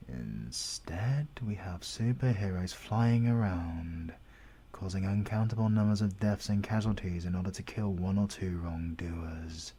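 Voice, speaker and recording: In an audio roleplay, a British man voices a menacing villain interrogator who is coldly courteous, speaking formally and deliberately and sometimes sinking to a whisper. His low voice is mellow with a breathy edge, musing cynically.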